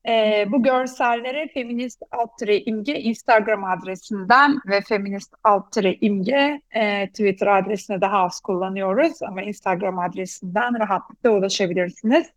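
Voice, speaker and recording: A woman hosting a talk programme, presenting and explaining, pausing now and then to find her words. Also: medium pitch, dry recording. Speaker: host. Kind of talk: semi-scripted programme presenting.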